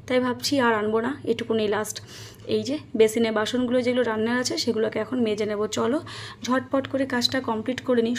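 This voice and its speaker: A woman's voice: a little high, slight background noise. A woman, narrating her daily housework in a casual home vlog and talking straight to her viewers. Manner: chatty, talks straight to viewers while doing chores. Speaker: home vlogger. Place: at home, kitchen and rooftop.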